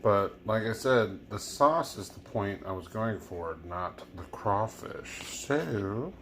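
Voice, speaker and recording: A man with a fairly low voice casually walks viewers through his cooking. He speaks very slowly and sounds tipsy, loose and prone to chuckling. There is clear background noise in his home kitchen. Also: a bit bright. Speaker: host of a home cooking video.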